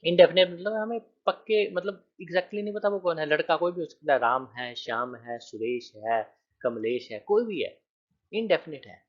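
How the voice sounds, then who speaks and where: A man's voice: a little high, lively intonation, normal speed, muffled recording. A man teaching a grammar lecture, explaining with counted examples and often checking that students follow.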